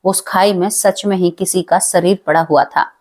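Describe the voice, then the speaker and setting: A woman's voice: on the low side, fairly even intonation, moderate pace, a little mellow. A woman narrating a dramatic supernatural story with emotion, often addressing her listeners as friends.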